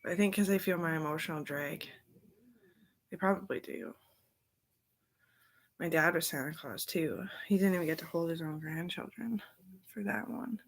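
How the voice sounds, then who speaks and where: Low-voiced woman, rambling and drifting. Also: normal speed, pauses often. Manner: drifting, trails off into unvoiced whispers; meandering, loose train of thought. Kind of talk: rambling casual monologue.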